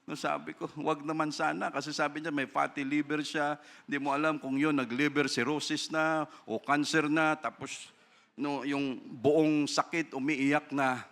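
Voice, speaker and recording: Male pastor from the Philippines, bright and crisp voice, animated sermon testimony rising into fervent prayer. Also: a little high, normal speed. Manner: storytelling with frequent tag questions.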